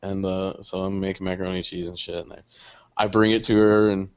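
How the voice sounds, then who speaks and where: A young man, the podcast co-host, telling a story in casual chat, animated and swearing freely, laughing often. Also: low voice, fast, smooth. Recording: dull lo-fi podcast audio.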